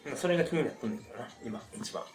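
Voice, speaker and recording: A man's voice: mid-range voice, lively intonation, very fast. Tipsy Kansai man in an echoey room. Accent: Kansai Japanese. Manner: tipsy, loose drunken talk. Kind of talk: casual chat. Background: music.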